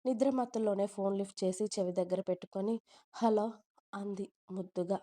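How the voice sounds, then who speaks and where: Mellow-voiced woman narrating a story. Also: medium pitch, fast talker.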